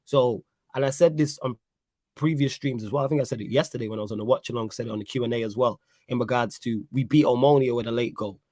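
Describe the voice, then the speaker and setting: A man's voice: mid-range voice, darkish tone, no room sound, clean studio sound. A man giving a casual football reaction, emphatic and repeating himself for effect. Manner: emphatic, repeats "you know what I'm saying". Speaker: football pundit.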